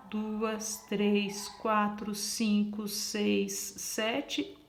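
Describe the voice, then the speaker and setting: Slow, patient woman teacher, echoey room. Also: medium pitch. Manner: spells out letters, counts aloud, keeps asking "tá?". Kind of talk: slow, patient classroom explanation.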